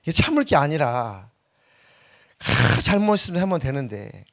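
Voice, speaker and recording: A man's voice: sing-song, normal speed, gravelly, fairly bright tone. A middle-aged man preaching a sermon as pastor, telling stories and acting out the quoted voices. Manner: storytelling, acting out quotes with sudden high-pitched bursts.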